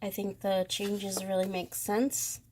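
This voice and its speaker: A woman with a Boston accent, talking slowly through a tarot deck comparison with many pauses and fond praise. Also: medium pitch, monotone, mellow, slight background noise. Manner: slow, hesitant, lots of ums, gushing. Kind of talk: casual deck walkthrough.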